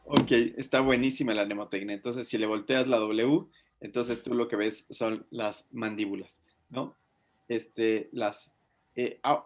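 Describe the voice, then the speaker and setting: Man, medical teacher, lively and questioning, lots of fillers. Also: mid-range voice. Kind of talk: online class discussion.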